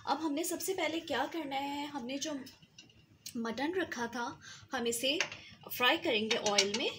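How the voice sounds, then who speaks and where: High-voiced woman over sizzling pans. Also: unhurried. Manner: explains step by step, often adds "theek hai". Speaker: cooking channel host. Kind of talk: recipe walkthrough over cooking footage. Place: home kitchen. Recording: home video with frying noise. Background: sizzling oil and stirring.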